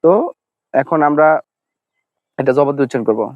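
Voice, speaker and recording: A man teaching Arabic letter pronunciation, patiently repeating each sound slowly to demonstrate it. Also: mid-range voice, no room sound, highs cut off. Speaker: Quran recitation teacher.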